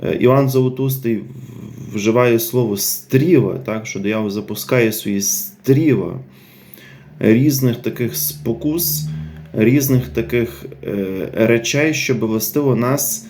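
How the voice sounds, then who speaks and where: A man speaking freely in a devotional series, his voice sitting at an ordinary middle pitch. He talks without a script, stopping on fillers, restarting words and repeating key phrases. He keeps asking his listeners "right?" as he goes. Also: slow pace, darkish tone, slight background noise. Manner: unscripted, hesitant, many fillers, repeats phrases, asks "right?". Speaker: religious speaker presenting a series on a saint. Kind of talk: spiritual talk with a devotional greeting.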